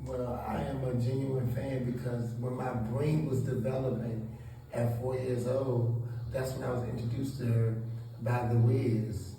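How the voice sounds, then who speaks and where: A Southeast D.C. man being interviewed responds earnestly, frequently starting his words over while reaching for them. He speaks at medium pitch with a flat, measured, mellow delivery. The distant, slightly off-mic recording is in an echoey room with faint noise.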